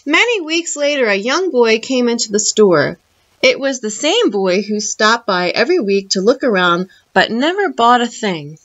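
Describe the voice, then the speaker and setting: A woman reading a picture book aloud for library storytime, with an expressive, lively delivery, heard through muffled lo-fi audio. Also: on the high side, normal speed.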